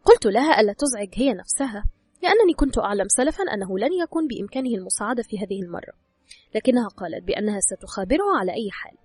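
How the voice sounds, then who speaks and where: A woman's voice: mid-range voice, lively intonation, very fast, darkish tone, slightly rough, no echo, studio quality, faint music behind. A woman narrating an advice book in a scripted reading, giving instructions straight to the listener. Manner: instructive, addresses the listener directly. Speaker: audiobook narrator.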